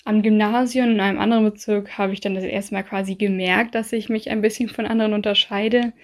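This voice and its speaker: Woman in an interview, calm and measured, pretty flat even tone. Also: mid-range voice.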